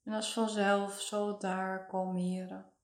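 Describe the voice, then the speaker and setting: A woman leading a guided meditation in a soothing, hushed, lingering delivery. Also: mid-range voice, flat delivery, measured pace, roomy sound.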